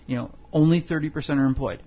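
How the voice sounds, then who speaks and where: A man's voice: a little high, fast, lo-fi sound. A man co-hosting a radio talk show, asking rambling, jokey questions in a casual way. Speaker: radio co-host.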